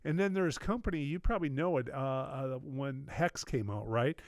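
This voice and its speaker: A man's voice: mid-range voice, normal speed, no echo, clean studio sound. A man hosting a podcast, chatting casually and rambling with many fillers. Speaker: podcast host. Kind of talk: casual interview chat.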